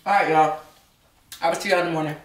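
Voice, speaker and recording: Eating and chatting at home, this young female vlogger occasionally talks through a mouthful of food. She speaks quickly in a low, steady voice, captured indoors from a distance with a roomy sound.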